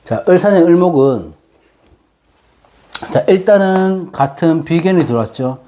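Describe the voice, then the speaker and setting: A man giving an unscripted explanatory lecture, haltingly, his articulation slightly slurred and tangled as if numb from the dentist. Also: on the high side, expressive, mellow, slight background noise. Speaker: fortune-telling lecturer.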